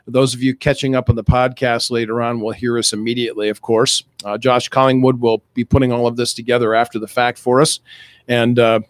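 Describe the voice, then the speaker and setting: A middle-aged or older man with a gravelly voice, hoarse from a cold, hosting conversational talk radio in a measured, explanatory way. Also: mid-range voice, little pitch movement, dry recording. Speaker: radio show host and educator. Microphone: close studio microphone.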